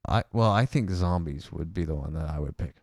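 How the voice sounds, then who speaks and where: Young guy cohosting a podcast, deep voice, lots of ums and restarts, dry close sound. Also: a little fast, a little mellow, no echo. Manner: hesitant, many fillers and restarts. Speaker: podcast co-host. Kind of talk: casual chat.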